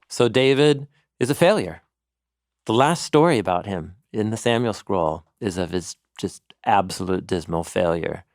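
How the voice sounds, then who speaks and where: A lower-pitched man talks through biblical stories like an eager teacher, animated and conversational. The recording is close and dry with no room sound. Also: dry recording. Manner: animated explainer, quotes scripture in storytelling voice. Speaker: co-host and Bible teacher.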